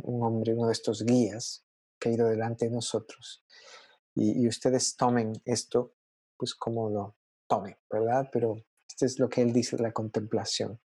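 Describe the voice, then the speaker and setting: Male preacher, young adult, husky and gravelly, expressive conversational sermon, dry recording. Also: medium pitch, no echo.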